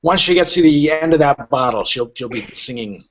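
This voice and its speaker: Here a fairly high-pitched, expressive man of middle age or older talks at an ordinary pace. In the role of a literary agent fielding interview questions, he is candid and forceful and acts out made-up conversations. The audio is a dull, lo-fi podcast recording.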